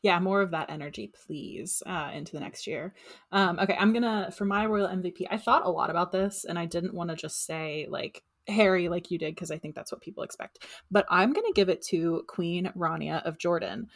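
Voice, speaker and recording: A woman co-hosting a chatty podcast, her voice sitting a little low. She talks in a measured, thoughtful way and leans on fillers like um as she gathers her points. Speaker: podcast co-host. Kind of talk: casual chat.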